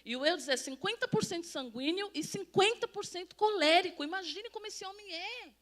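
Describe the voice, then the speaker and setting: High-voiced Brazilian woman pastor preaching. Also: lively intonation, brisk, a bit bright. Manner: chatty, quizzes the congregation directly. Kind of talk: conversational sermon. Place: church sanctuary.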